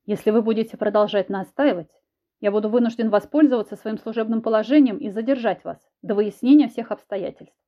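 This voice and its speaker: A woman's voice: fairly high pitch, a little fast, dark tone, close to an everyday voice. A woman doing a stern protective friend. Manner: firm, strict, official tone. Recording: dull lo-fi recording.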